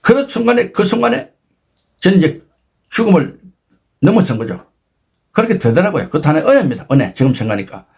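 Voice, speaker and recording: A man in his sixties hosting his own channel, retelling a personal story with dramatic emphasis and sudden jumps in pitch. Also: sing-song, fast talker, creaky, long pauses, a little mellow, breathy edge. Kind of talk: animated storytelling talk.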